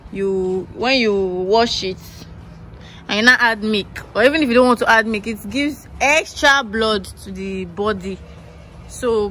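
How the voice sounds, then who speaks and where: With a fairly high, somewhat bright voice, a young adult woman with a Nigerian accent chats and laughs through a casual vlog walkthrough of a rural neighborhood, phone held out at arm's length, moving in and out of pidgin.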